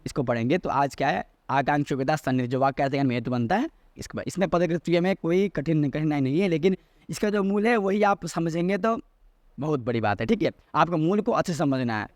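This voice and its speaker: A man's voice: fairly high pitch, dry recording. A man explaining a classical logic text as a teacher, repeating key terms and asking and answering his own questions. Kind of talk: explanatory lecture.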